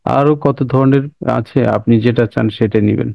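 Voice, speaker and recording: A man teaching a software class, walking through steps and repeating himself while often checking that listeners follow. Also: mid-range voice, fairly even intonation, moderate pace, vocal fry, no echo, lo-fi sound. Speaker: instructor. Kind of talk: screen-recorded software tutorial.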